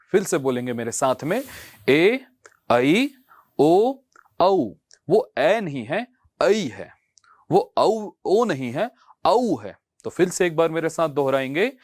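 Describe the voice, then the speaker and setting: A male Sanskrit teacher, giving a school lesson and slowly drilling letter sounds for students to repeat. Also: fairly high pitch, dry recording, studio quality.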